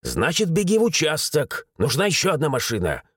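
A man's voice: a little high, huge pitch swings, brisk, a bit bright, slightly rough, dry recording, clean studio sound, voice pushed up, full character voice. A man voicing an irritable mustached city constable who talks in curt, growling orders. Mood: gruff.

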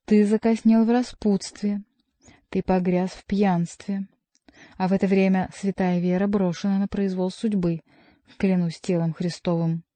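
A woman's voice: medium pitch, fairly even intonation, unhurried, mellow, no room sound, lightly acted. Woman reading a stern scolding jester.

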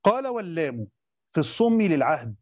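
A man's voice: on the high side, very animated, a little fast, no room sound, dull audio. A man with an Egyptian accent teaching a lesson on a religious text, asking questions and then answering them himself. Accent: Egyptian Arabic. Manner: checks with listeners whether points are understood. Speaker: teacher of Quran commentary. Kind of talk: classroom lesson explaining a text.

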